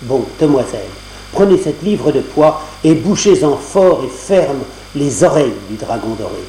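A man voicing a wise male flying horse, brisk and instructive, on a roomy cassette recording with a faint hum. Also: mid-range voice, expressive, dark tone, close to an everyday voice. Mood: instructing.

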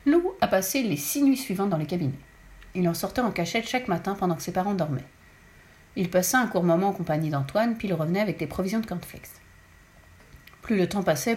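A woman narrating a children's story in a lively, expressive reading voice. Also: mid-range voice.

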